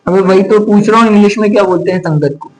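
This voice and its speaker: High-voiced male physics teacher. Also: fast talker, poor audio. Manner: chatty, scolds and teases students, mixes English terms. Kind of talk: classroom lecture.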